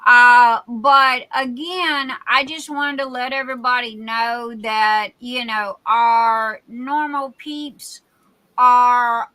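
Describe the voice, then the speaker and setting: A woman's voice: a little high, bright, forceful tone, low-quality recording. A woman in her sixties hosting a casual livestream from home, chatty and rambling as she drifts from one thought to the next. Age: 60s. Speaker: livestream host and craft shop owner.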